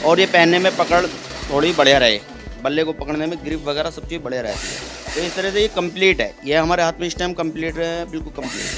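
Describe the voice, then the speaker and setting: A workshop owner in his thirties, a man, explains his craft step by step in a plain, slightly high voice. He speaks into a handheld mic held toward him in an open courtyard. Music plays behind. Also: quick pace. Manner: plain, repeats filler yes-words while showing work. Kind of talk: casual explanation. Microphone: handheld mic held by interviewer.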